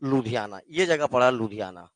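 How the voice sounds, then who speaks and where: A man's voice: mid-range voice, lively intonation, normal speed, dry recording. A male teacher with a Chhattisgarh Hindi accent, giving a classroom geography lesson and quizzing his students with call-and-response questions. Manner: addresses students as "beta".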